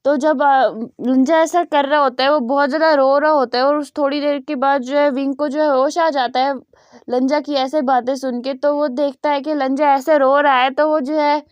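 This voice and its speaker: A woman's voice: high voice, dry recording, muffled recording. A woman host casually retelling a story to her channel viewers, with many filler words. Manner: fillers, repeats "jo hai" a lot.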